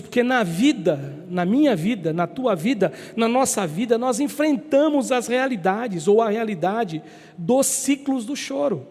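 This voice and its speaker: A man preaching a sermon as pastor, telling a story slowly and repeating words for emphasis. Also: sits high, darkish tone, long reverb tail. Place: church.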